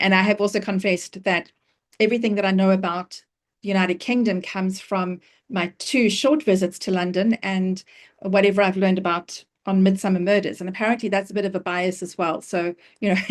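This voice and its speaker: Brief: middle-aged woman, speaker, storytelling talk with pointed questions. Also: medium pitch. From South Africa. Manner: personal storytelling, emphatic questions. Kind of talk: talk to an audience.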